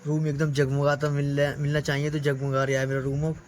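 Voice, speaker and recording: A man performing a casual, improvised doll-play skit with a bustling, chatty delivery. His voice sits a little high for a man, and faint room noise hums behind him. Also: monotone, a little fast. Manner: bustling, chatty, says "yaar" often. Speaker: performer voicing dolls in a family skit.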